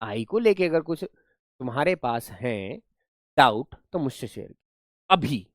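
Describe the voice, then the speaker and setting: A man's voice: mid-range voice, big pitch swings, unhurried, dry recording, clean studio sound. A man teaching English grammar in a live online class, explaining through playful rustic storytelling.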